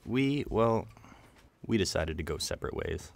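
A man playing a kindly, earnest office worker with a gentle, sincere manner in a puppet parody. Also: on the low side, animated, moderate pace, creaky. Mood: earnest, subdued.

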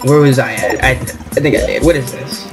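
This young man's voice is medium-pitched with fairly even intonation and a moderate pace as he commentates a let's play with game music behind him. Tired after an hour of hiccups, he rambles casually and pokes fun at himself.

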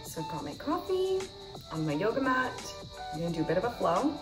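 A woman's voice: medium pitch, sing-song, fairly quick, over music. A young woman from Canada talking casually to her phone camera while traveling, upbeat and chatty, saying "like" often. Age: young adult. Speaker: travel vlogger. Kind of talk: casual vlog narration. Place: outdoors on beaches and streets, also indoors. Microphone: phone at arm's length.

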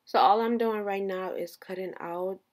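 A woman's voice: medium pitch, fairly even intonation, normal speed, a little hiss or hum. A woman hosting a DIY craft tutorial in a casual, conversational style.

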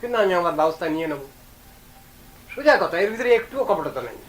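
A man's voice: high-pitched, very animated, fast talker, slight background noise, low-quality recording. A man giving a devotional discourse as a Vaishnava preacher, emphatic and stern, posing rhetorical questions.

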